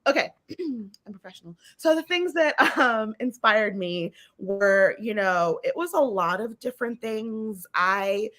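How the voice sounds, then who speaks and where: A woman author talking casually at a virtual book event, passionate and expressive, laughing often, heard over a video call. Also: fairly high pitch, a little slow, few pauses. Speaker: featured author.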